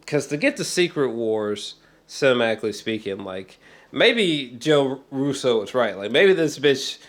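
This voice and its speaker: A man with a mid-range voice and a measured pace rambles casually about a film he loves. He swears freely and often stumbles or repeats himself for emphasis, like an excited fan.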